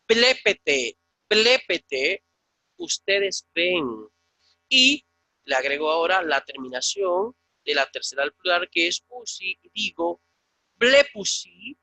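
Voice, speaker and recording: A man with a Dominican Spanish accent teaches a Biblical Greek class, his voice high and gravelly. He swings his pitch widely, slowly drilling each word and saying it twice. The sound is dry and close. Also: sharp tone, no echo. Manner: slow, repetitive drilling of words. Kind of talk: online class lecture.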